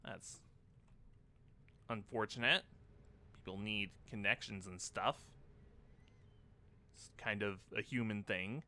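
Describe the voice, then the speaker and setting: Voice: sits low, slow, pauses often, bright, forceful tone, a little hiss or hum. A gamer giving casual let's-play commentary, with playful sing-song asides to the game's characters. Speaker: gamer narrating a playthrough.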